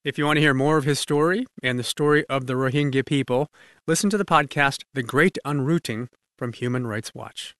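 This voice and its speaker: A man hosting a radio news interview in a steady, measured way. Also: mid-range voice, dry recording, studio quality.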